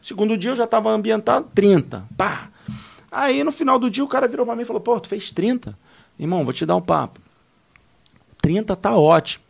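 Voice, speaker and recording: Carioca man, podcast guest, animated slangy storyteller, fast and gravelly. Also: high-pitched. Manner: animated, slangy, laughing through anecdotes. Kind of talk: casual storytelling.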